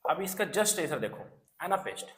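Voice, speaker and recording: Here the exam coaching teacher has a fairly high, sing-song voice that's a bit bright, moving at a moderate pace in a reverberant setting. He keeps repeating key terms and frequently asks students "है ना" and "clear".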